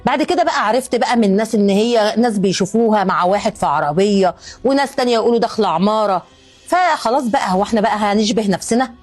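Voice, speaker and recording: A woman playing a scheming middle-aged mother-in-law who talks smoothly and dismissively. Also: mid-range voice, expressive, rapid-fire, a little mellow, faint music behind, lightly acted.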